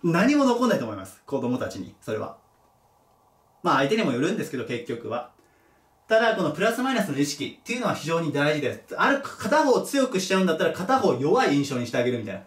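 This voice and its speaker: A man's voice: on the high side, big pitch swings, quick pace. A male teacher giving a casual lecture, thinking aloud and correcting himself as he goes. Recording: echoey room, mic at a distance.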